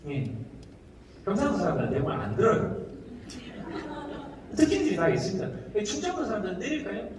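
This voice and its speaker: A man performing a comedic talk to a live audience, animated and jokey, slipping into quick impressions of how people talk. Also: sits high. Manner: animated, jokey, mimics regional speech in quick asides. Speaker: comedian giving a talk concert. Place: large hall with a live audience. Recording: echoey hall audio with noise, from far off.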